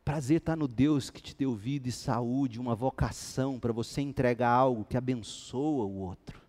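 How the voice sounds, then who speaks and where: A male pastor preaching a sermon with animated storytelling, acting out the dialogue in his stories. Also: mid-range voice, normal speed.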